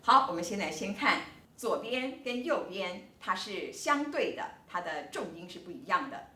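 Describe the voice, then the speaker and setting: Lively, bright-voiced woman lecturing. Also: mid-range voice, roomy sound, far from the mic. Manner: animated, emphatic explaining with drawn-out words. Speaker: linguistics professor. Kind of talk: recorded online lecture.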